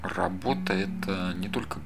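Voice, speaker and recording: A man's voice: low voice, fairly even intonation, normal speed, creaky. A man in his thirties in a casual, rambling monologue, talking straight to the listener and drifting off on side thoughts. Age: 30s. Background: loud acoustic guitar music.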